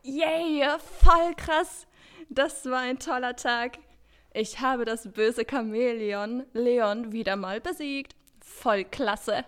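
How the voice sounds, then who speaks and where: A woman's voice: a little high, steady tone, takes it slowly, clean tone. A woman playing a bubbly young girl hero. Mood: thrilled. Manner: bubbly, upbeat, sisterly. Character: cheerful energetic young girl hero, big sister. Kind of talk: children's audio drama acting.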